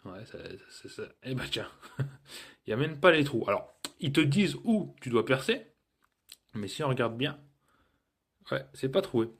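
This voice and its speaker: A man chats through an unboxing review in a casual, joking way. His voice has a slightly husky edge and sits at an ordinary middle pitch. He repeats himself and fills pauses as he handles the gadget. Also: big pitch swings, a bit bright. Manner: chatty and joking, with many fillers. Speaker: tech reviewer.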